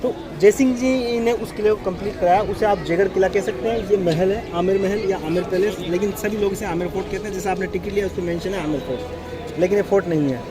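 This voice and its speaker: A quick-talking man leads a guided tour outdoors at an old palace. His voice sits high, and he lectures his visitors in a chatty way, with asides and questions. Faint music plays behind him.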